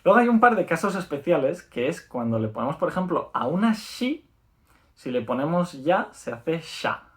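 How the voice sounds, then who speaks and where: A man's voice: on the high side, very animated, fairly bright tone. Upbeat Spanish man teaching a lesson. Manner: explanatory, repeats words slowly and checks in with "¿vale?". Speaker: language teacher. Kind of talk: video lesson.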